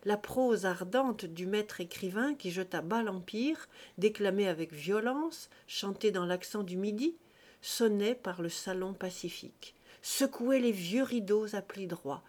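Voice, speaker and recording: A woman reads a classic short story aloud, clear and expressive. Her voice sits at an ordinary middle pitch. She tells it steadily, as a practiced reader. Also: a little slow. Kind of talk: literary reading.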